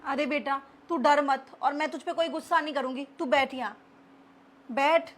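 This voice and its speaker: A woman's voice: high-pitched, steady tone, normal speed, close to an everyday voice. A woman playing a harsh, bossy middle-aged mother-in-law in a family melodrama, talking to her daughter-in-law. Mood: gentle, remorseful. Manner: bossy, scolding, then pleading. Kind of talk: amateur family melodrama acting.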